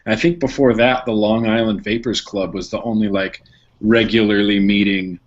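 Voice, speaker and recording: A man reminiscing in an easygoing way during casual panel chat, quick to laugh. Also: fairly low pitch, steady tone, dull audio.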